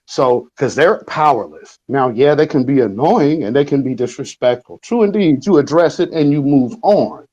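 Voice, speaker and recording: In an online audio chat room, a male caller rants heatedly at listeners, scolding and confrontational. His mid-range, darkish voice is animated and moderately paced with few pauses, and the audio is muffled and lo-fi.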